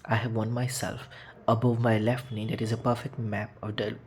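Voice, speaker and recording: A man voicing an old, wise male wizard headmaster who speaks in a measured, unhurried way, in a storybook reading. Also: fairly low pitch, little pitch movement, a little hiss or hum, lightly acted. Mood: calm.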